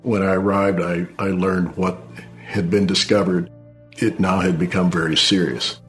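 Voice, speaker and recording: Deep, even-toned American man. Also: moderate pace, faint music behind. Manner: formal, matter-of-fact. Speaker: state trooper, interviewee. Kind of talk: factual interview recollection.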